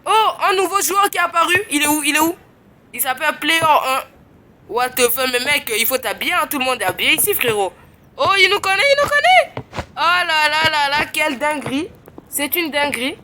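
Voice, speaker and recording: A woman chatting casually to her viewers while playing a survival game, excitable and quick to squeal with surprise. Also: high voice, noisy background. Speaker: gaming YouTuber. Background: game music.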